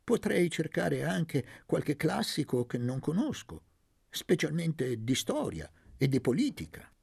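A man voicing a polite, reserved young man in an audiobook, speaking quietly and hesitantly. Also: a little high, very animated, slow, creaky, breathy edge, no echo, clean studio sound, voice pushed up, exaggerated voice. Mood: polite, wary. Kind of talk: audiobook reading.

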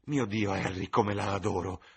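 A man's voice: low-pitched, expressive, normal speed, a bit bright, slightly rough, full character voice. A man reading an audiobook, voicing an ardent, infatuated young man with eager, rising enthusiasm.

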